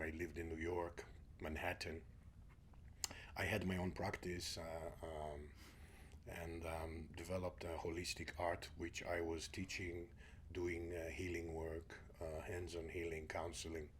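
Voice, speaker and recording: A man's voice: deep voice, slight background noise. A middle-aged man from Israel, guest on an interview show, speaking reflectively and often sinking to a near-whisper. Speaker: guest, spiritual teacher.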